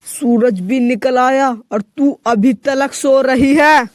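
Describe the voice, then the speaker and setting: A woman voicing a nagging, shouty old mother-in-law in a comedy skit. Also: sits high, takes it slowly, no echo, clean studio sound. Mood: scolding. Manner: loud, nagging, scolding.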